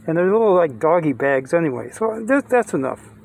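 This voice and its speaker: Speaking a little fast and very animated, an older man vlogs into his phone held close, his fairly high, darkish voice showing vocal fry over slight background noise. He rambles in plain terms, restarts often, and reasons through sums out loud, starting in a park before moving into a van.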